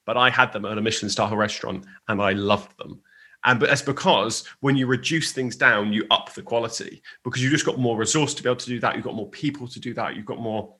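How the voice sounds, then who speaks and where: A chatty man co-hosting a casual chat, talking in rambling stories full of asides and restarts. His voice sounds bright and forward, set at an ordinary middle pitch. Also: slightly rough. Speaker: podcast co-host on church leadership.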